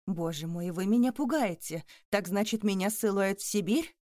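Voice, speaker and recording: A woman's voice: mid-range voice, moderate pace, darkish tone, no room sound, studio quality, natural voice. A woman voicing a terrified older male banker who pleads and exclaims in rising panic. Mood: panicked.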